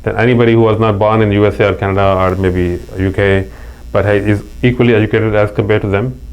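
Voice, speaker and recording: The recording is low quality, carrying a faint mains hum. On it, a middle-aged Pakistani interview guest with a Pakistani accent chats casually, telling stories earnestly and restarting frequently. His voice is on the low side, fairly even in intonation, fast, clear and resonant.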